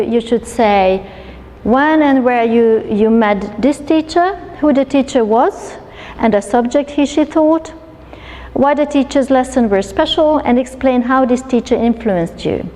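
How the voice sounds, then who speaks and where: A high-pitched, warm female voice belongs to an educational consultant introducing a coursebook to a room of teachers. Her explanation stumbles with frequent restarts and fillers, echoing with long reverb through the university lecture hall.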